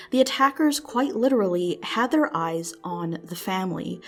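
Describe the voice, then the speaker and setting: A woman hosts a scripted true-mystery video, narrating close on the mic in a measured storytelling style with dramatic emphasis. Her voice is mid-range.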